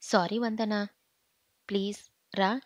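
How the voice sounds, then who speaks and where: A woman's voice: mid-range voice, flat delivery, slow pace, no echo, studio quality, lightly acted. A woman voicing a stern but caring young husband who talks insistently and pleads at times. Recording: slightly muffled audio.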